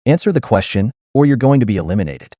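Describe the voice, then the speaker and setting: A man voicing a serious young male cyborg who speaks flatly and threateningly. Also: mid-range voice, fast, no room sound. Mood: cold.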